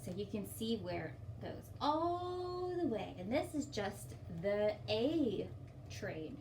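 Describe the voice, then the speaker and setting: Reading a picture book to young children, a woman hosting story time uses a medium-pitched, very animated, slightly mellow voice and takes her time. Her explanations and questions are simple and encouraging. A distant mic records her, with faint background noise.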